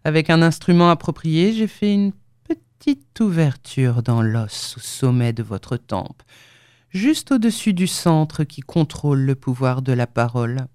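A woman reading the lines of a calm, clinical male surgeon with quiet menace in an audiobook. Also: low-pitched, measured pace, clear, resonant tone, no echo, studio quality. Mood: cold menace. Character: cold scheming male surgeon, middle-aged.

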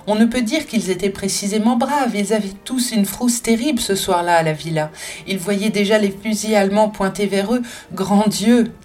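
A woman's voice: medium pitch, normal speed, a little mellow, faint music behind, pitched above the performer's own voice, close to an everyday voice. Woman reading a proud passionate Frenchwoman, emphatic, exclamatory, audiobook. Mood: fervent.

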